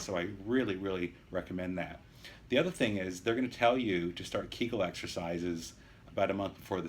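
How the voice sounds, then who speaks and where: Low-voiced man in his fifties, noisy room. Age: early 50s. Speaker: patient sharing his surgery experience. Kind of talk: casual video diary, explanatory. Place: private hospital room.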